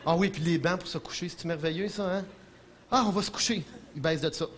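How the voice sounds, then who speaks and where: A man with a Quebec French accent doing an animated stand-up comedy monologue in a television studio, breaking into impressions. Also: fairly high pitch, brisk, noisy background. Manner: animated, jumps into shouted impressions, chuckles at own jokes.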